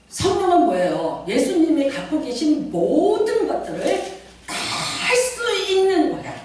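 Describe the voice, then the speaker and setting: A middle-aged woman pastor preaching a lively sermon, often asking the congregation questions. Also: high-pitched, slight background noise. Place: church sanctuary. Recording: very echoey church hall, mic at a distance.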